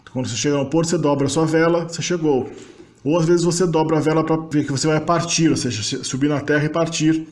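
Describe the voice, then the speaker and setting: A man teaching a linguistics lesson. He talks in a conversational way, adds tag questions, and recites verb forms slowly. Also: on the high side, steady tone, a little mellow. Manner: pauses to reformulate mid-sentence. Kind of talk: explanatory lecture.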